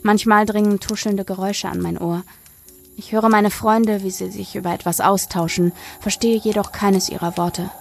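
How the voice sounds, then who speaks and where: A woman narrating a first-person horror story in a measured, suspenseful reading. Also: medium pitch, steady tone, vocal fry, faint music behind.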